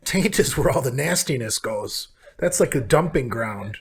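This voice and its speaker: A man's voice: mid-range voice, expressive, normal speed, husky. A man trading crude, laughing banter as a guest on a casual podcast.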